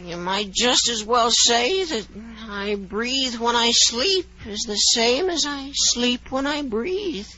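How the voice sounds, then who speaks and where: An actor playing a drowsy little dormouse, sleepy and drawn-out, in a 1940s radio drama. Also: male voice, very high-pitched, lively intonation, sharp tone, full character voice. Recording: muffled, noisy old radio recording.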